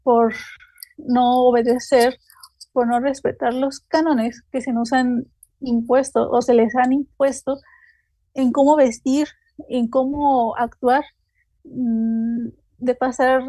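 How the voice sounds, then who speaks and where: A woman's voice: on the high side, little pitch movement, mellow, dry recording. A woman with a Mexican Spanish accent giving a seminar talk, hesitant and full of fillers. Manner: halting, many fillers like "este" and "eh". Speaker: seminar speaker. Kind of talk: academic talk, loosely read.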